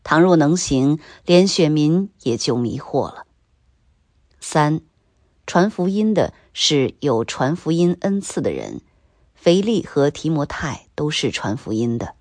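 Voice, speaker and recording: A woman reading a scripted Bible commentary in a slow, measured, even way. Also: low voice, dry recording, studio quality.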